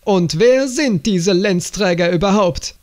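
Ein Mann als brüllender, großspuriger Senator. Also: male voice, high-pitched, unhurried, pitched above the performer's own voice. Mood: ranting. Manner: shouting, pompous oratory. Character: ranting male senator demagogue, bombastic.

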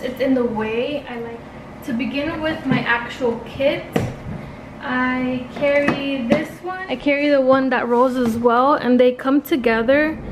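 Chatty woman vlogger, higher voice. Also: background noise. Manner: chatty, many fillers like "um" and "like". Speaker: freelance makeup artist. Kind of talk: casual vlog talk.

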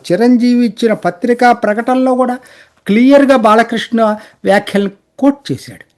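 A man's voice: high voice, darkish tone. A man delivering an emphatic, indignant political commentary monologue, firing off rhetorical questions and addressing listeners politely.

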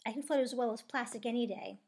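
A woman's voice: on the high side, steady tone, quick pace, darkish tone, lightly acted. A woman voicing a jealous, boastful female plush stingray toy. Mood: huffy.

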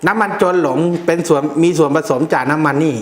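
A man explains amulet lore in a casual, jokey, blunt way, throwing in coarse slang. His voice sits a little high for a man. The room around him is noticeably echoey. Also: fast. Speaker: amulet teacher.

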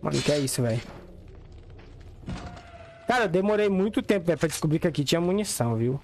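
A man's voice: a little high, lively intonation, fast talker, a little mellow, slight background noise. A young man with a Brazilian Portuguese accent giving slangy, chatty commentary while streaming a game and talking to his chat. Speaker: gaming streamer. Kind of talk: casual gameplay commentary.

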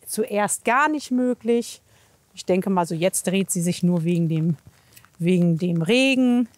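A medium-pitched female voice with no echo belongs to a horse physiotherapist and trainer. Standing in the wind and rain at a horse yard, she demonstrates casually with her hands, narrating each step and offering brief reassurances over and over.

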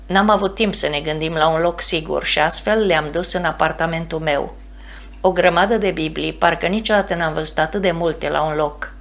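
A woman's voice: low-pitched, steady tone, a bit bright. A woman reading the part of a man who speaks earnestly and with emotion. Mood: moved. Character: man, shaken believer hiding forbidden books.

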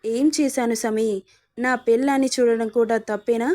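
A woman's voice: fairly high pitch, steady tone, normal speed, mellow, lightly acted. A woman voicing a sadistic taunting husband. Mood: leering. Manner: taunting, menacing. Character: cruel, mocking young husband, a sadistic bully.

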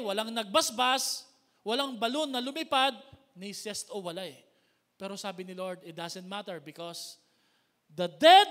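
A Filipino man preaching a sermon as pastor, with big swings in pitch and loudness, recorded in a church hall. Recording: long hall reverb.

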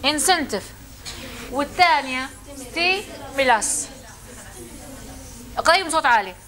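A woman's voice: sits high, lively intonation, moderate pace, bright, forceful tone. Woman lecturing a class. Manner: questioning, calls on students.

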